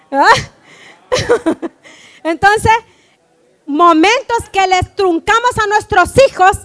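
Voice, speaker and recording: A woman preaching a lively church sermon, often checking in with her listeners and acting out family scenes. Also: extremely high pitch. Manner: animated, keeps asking "right?", acts out family quotes.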